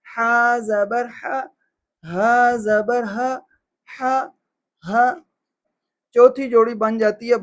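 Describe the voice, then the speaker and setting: A man with a Pakistani Urdu accent giving a tajweed lesson, slowly and deliberately drilling the sounds of similar letters. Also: very high-pitched. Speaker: Quran recitation teacher.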